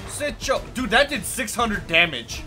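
A young man giving casual, playful and excitable commentary while playing a video game. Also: sits high, measured pace. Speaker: gaming video host. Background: video game music.

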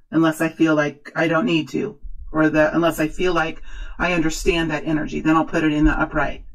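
A woman speaking as a fortune teller, improvising a tarot reading in earnest, halting, repeated short phrases. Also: fairly low pitch, poor audio. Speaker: tarot reader, host.

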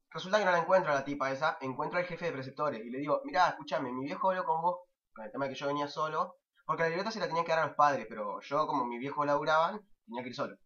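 A man's voice: fairly high pitch, bright, forceful tone. A young man with an Argentine accent telling a casual anecdote in a profane, exasperated rant. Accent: Argentine Spanish. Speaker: vlogger. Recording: dull lo-fi, distant mic.

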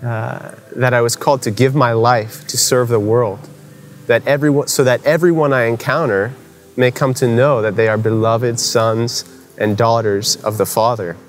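A man's voice: medium pitch, steady tone, normal speed. Young guy telling his faith testimony, earnest, chatty, lots of "you know", faint music behind. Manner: earnest, conversational storytelling with fillers. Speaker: conference speaker.

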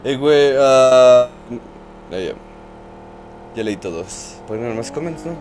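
A man's voice: medium pitch, lively intonation, slow, a little mellow, a little hiss or hum. A young man with a Mexican accent, chatting casually and joking while reading his stream chat aloud. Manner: joking banter, reads chat aloud, slangy.

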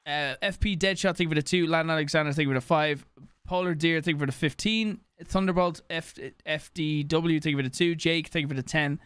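A young man livestreaming from a small home room into a studio mic, reading out donor names and thanking them in a quick, loose patter. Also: on the high side, steady tone, fairly bright tone, clear, resonant tone, no room sound. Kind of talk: casual stream chat reading donations. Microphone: studio mic on boom, headphones on.

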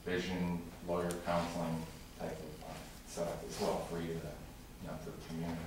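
A man making a halting public comment to a city council, full of fillers and restarts. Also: deep voice, monotone. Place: large council chamber with tall windows. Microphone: room mic from far off. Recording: echoey chamber recorded from far off with noise.

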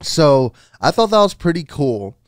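Clear-voiced man chatting casually about film. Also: fairly high pitch, very animated, measured pace, no room sound, studio quality. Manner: informal, peppers talk with "you know" and "man". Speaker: podcast host reviewing films. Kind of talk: casual chat, film review. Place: small home room studio. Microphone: close boom-arm podcast microphone.

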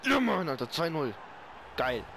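A man's voice: fairly high pitch, big pitch swings, a little slow, vocal fry, a crowd in the background. A man reacting to a video game in a berserk rage, screaming and swearing in casual slang. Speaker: video gamer.

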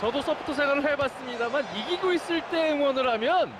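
A man giving chatty colour commentary in polite broadcast style for a football video game, under loud game noise. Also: very high-pitched, fast talker, a crowd in the background.

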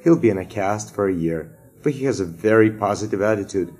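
A man voicing a sweet-talking but quietly cruel woman substitute teacher in a children's story. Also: on the low side, a little fast, soft background music, lightly acted. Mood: sweetly sly. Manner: sweet, gushing, raised voice.

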